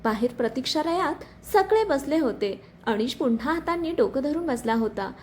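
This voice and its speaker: Expressive woman narrating a story. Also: high-pitched, normal speed, a little hiss or hum. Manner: dramatic, expressive reading.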